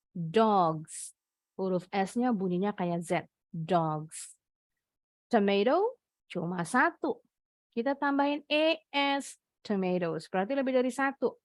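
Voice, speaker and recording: A woman's voice: medium pitch, no echo, clean studio sound. A young woman teaching English online with an Indonesian accent, explaining patiently in a mix of Indonesian and English over a video call. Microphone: computer mic on a video call.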